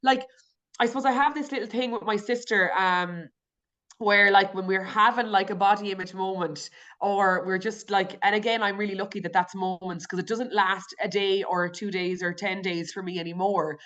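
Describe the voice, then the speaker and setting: A woman's voice: mid-range voice, fairly even intonation, moderate pace, a bit bright, muffled recording. A woman with an Irish accent, a podcast guest talking candidly and reflectively, with frequent restarts and fillers. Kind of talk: candid conversational interview.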